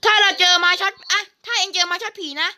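A woman chatting casually and excitedly while playing a video game, often repeating short phrases. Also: extremely high pitch, fast. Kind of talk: excited casual gaming chat. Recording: faint background noise, clicks.

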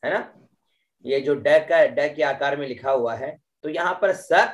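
A man teaching Vedic mantra recitation in an online class, explaining each syllable and then chanting the verse in long, drawn-out tones, often checking in with his students. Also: a little high. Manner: tags sentences with "है ना" and "ठीक है".

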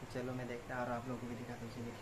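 Casting note: a man from Assam, India, as a home vlogger, monotone delivery with a steady hiss behind him. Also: mid-range voice, very fast. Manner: flat, chatty, asks viewers for likes. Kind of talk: casual vlog address to viewers. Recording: noisy background hiss.

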